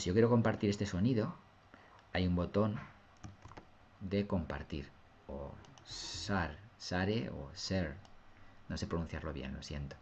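Male teacher, low voice, patient step-by-step explainer on a dull lo-fi mic. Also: darkish tone, slight background noise. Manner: patient, step-by-step, often asks "¿lo veis?". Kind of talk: screen-recorded software tutorial.

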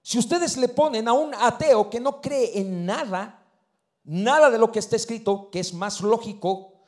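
A man preaching a sermon in a high, bright-pitched voice. He surges to loud emphatic peaks, then drops to near-whispered asides, and keeps punctuating with amen. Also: normal speed. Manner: preaching with rising bursts and hushed drops, frequent amen. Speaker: pastor.

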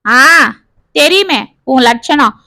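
A woman doing a bold young village girl from a storybook, sharp-tongued and scolding, her voice high and bright. She talks close to the mic in a dry, deadened space. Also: animated, slow, no room sound, full character voice. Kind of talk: storybook reading.

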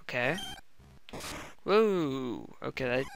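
A young man commenting on a game as he plays, reacting out loud and talking to himself, his voice cracking now and then. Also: mid-range voice, animated, slow pace, gravelly, a little hiss or hum. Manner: reacts loudly and talks to himself while playing. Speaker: let's play gamer. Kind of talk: gameplay commentary.

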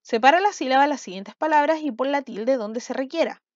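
A woman's voice: sits high, a little fast, no echo. A woman, a schoolteacher giving a recorded video lesson, explaining patiently and often checking understanding with short questions. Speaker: school language teacher. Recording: dull, slightly lo-fi sound.

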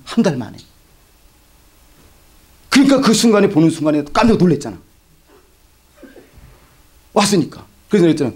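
A man preaching a revival sermon as pastor, swinging between loud exclamations and hushed asides. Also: a little high, sing-song, normal speed, pauses often, husky. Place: church sanctuary.

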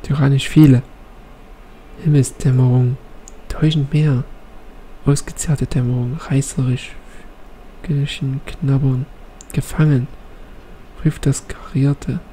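A man voicing cryptic alien energy beings in slow, halting, fragmented phrases while reading game dialogue aloud. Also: medium pitch, flat delivery, mellow, slight background noise, natural voice.

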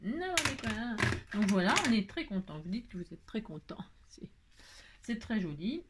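A woman's voice: medium pitch, lively intonation, moderate pace, noisy background. Chatty French woman crafting. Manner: chatty, exclaims often, thinks aloud. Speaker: card-making tutorial host. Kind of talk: casual crafting tutorial.

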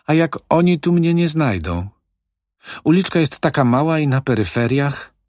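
A man voicing an anxious, fretful old woman in an audiobook, speaking in a soft, pleading way and pitching his voice up. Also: animated, unhurried, no room sound, studio quality.

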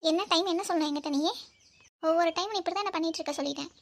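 A woman's voice: very high voice, very fast, slight background noise. A woman voicing a hurt, angry young woman in a cartoon, reproachful and demanding. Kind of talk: cartoon voice acting.

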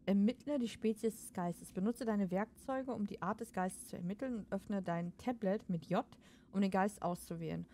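A woman giving casual let's play commentary, excitable and laughing often, shouting commands at the game. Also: medium pitch, moderate pace, slight background noise.

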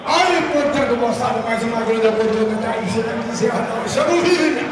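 A man with a Brazilian accent calling a livestock auction in a loud, insistent, repetitive chant over a PA. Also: very high voice, brisk. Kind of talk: auction chant with repeated bids. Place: large indoor event hall. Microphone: handheld mic over speakers, filmed from audience. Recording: echoey crowded hall, from far off. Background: crowd chatter.

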